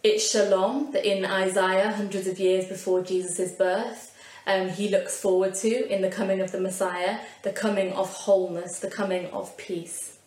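A woman's voice: medium pitch, little pitch movement, normal speed, darkish tone. Earnest woman preaching in an echoey room. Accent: Yorkshire. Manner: earnest and conversational, with light asides. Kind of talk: sermon. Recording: roomy echo.

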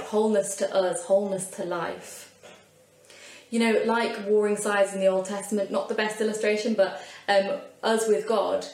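A woman's voice: mid-range voice, a little mellow. Earnest woman preaching in an echoey room. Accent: Yorkshire. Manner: earnest and conversational, with light asides. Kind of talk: sermon. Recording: roomy echo.

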